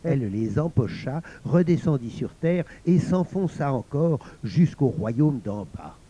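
A man narrating a folk tale in a slow, deliberate, scripted telling. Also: mid-range voice, lively intonation, warm tone, slightly rough, highs cut off. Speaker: storyteller.

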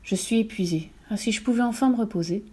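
A sad ghost princess tells her tale in a soft, sorrowful voice, as a woman reading a storybook puts her on. It sits a little above the reader's own pitch and stays mellow. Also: fast, husky, natural voice.

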